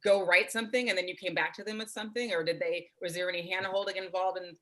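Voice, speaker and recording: Woman moderator with a bright, forceful voice, lowish pitch, long meandering questions. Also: steady tone, fast talker. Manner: asks long, winding questions. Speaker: panel moderator. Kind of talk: festival panel conversation.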